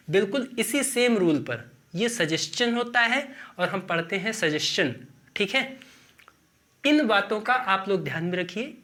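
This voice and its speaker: A man's voice: sits high, sharp tone. A man from India teaching English pronunciation in a lesson, repeating each word and asking the listener questions as he goes. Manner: slow, repeats words and quizzes the listener. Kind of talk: classroom-style lesson at a board.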